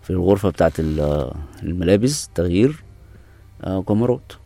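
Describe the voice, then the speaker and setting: Male expert guest, Egyptian Arabic accent, deep dark voice, casual explanatory interview delivery. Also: animated, fairly quick, soft background music. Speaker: interview guest, camera specialist.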